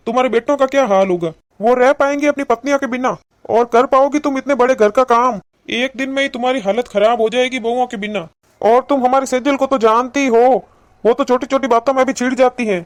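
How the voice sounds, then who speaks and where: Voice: mid-range voice, natural voice. A voice actor playing an older cartoon father who patiently reasons with his wife. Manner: patient, persuasive lecturing. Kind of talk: cartoon voice acting.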